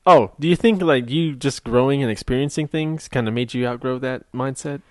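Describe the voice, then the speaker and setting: A man's voice: medium pitch, dry recording. Joking man, dry podcast mic. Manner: joking, rambling, quick to laugh. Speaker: podcast co-host. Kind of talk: casual chat.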